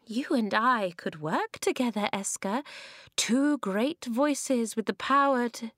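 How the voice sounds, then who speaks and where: A woman's voice: on the high side, animated, slow, fairly bright tone, no echo, clean studio sound, pitched above the performer's own voice. A weakened coaxing ice queen, as a woman reads her. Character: scheming defeated adult female ice queen.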